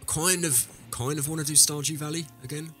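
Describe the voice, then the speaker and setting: A man's voice: fairly high pitch, steady tone, a little fast, sharp tone, faint music behind. A man, audibly ill, chatting casually through a game and rambling with self-corrections as he addresses viewers. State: ill, deeper voice than usual. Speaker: let's play host. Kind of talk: casual gameplay commentary.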